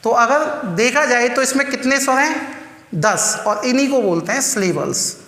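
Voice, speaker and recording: Male teacher, bright and forceful voice, call-and-response quizzing style, recorded in a reverberant echoey room. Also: very high voice. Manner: drills students with repeated rhetorical questions; slow, emphatic counting and spelling out terms. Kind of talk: exam-prep lecture.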